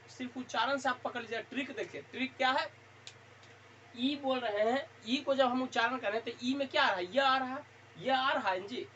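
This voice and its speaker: A grammar teacher at a board in a warm room, who asks a question and then answers it, repeating each key point several times. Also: high voice. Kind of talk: classroom board lesson. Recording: dull lo-fi sound with faint hiss.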